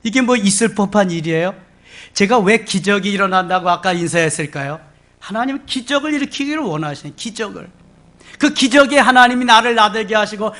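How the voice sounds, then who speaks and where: Older man, pastor, church sermon, high pitch, bright tone, emphatic exclamations. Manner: emphatic, exclamatory preaching with sudden outbursts. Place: church sanctuary.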